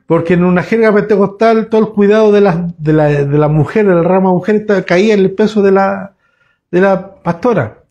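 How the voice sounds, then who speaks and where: High-voiced pastor preaching. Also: male voice, darkish tone, lo-fi sound. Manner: conversational storytelling preaching with many restarts. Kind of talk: sermon. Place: church.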